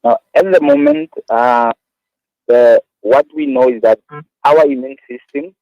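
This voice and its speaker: A man's voice: medium pitch, steady tone, dry recording. South African man on a tinny phone line. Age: 30s. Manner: earnest, halting, repeats words. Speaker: guest, awareness activist. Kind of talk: phone-in radio interview.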